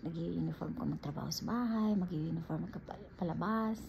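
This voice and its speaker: In a fairly quick, creaky, lowish voice, a woman from the Philippines vlogs casually about her life. She keeps calling her audience "guys" and stays animated, while the dull lo-fi recording picks up faint ambient noise.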